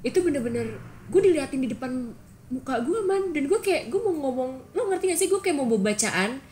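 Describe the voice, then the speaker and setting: Animated young woman telling stories. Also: high voice, fairly quick, slight background noise. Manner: animated, expressive storyteller in casual slang. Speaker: podcast co-host. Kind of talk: casual storytelling chat.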